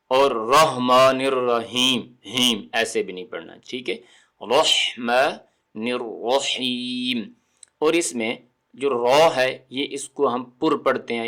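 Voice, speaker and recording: Male tutor, calm and mid-pitched, teaching sound by sound and checking in often. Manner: patient, repeats sounds slowly and checks with "theek hai?". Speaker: Quran recitation teacher. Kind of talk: step-by-step tajweed lesson.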